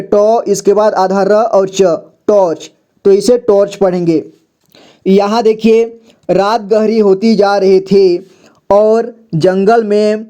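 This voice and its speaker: Slow, patient male Hindi reading teacher. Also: high-pitched, mellow. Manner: patient, repeats words and says "ठीक है" often; reads story lines slowly, then breaks them into letters. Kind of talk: slow reading lesson, spelling words out.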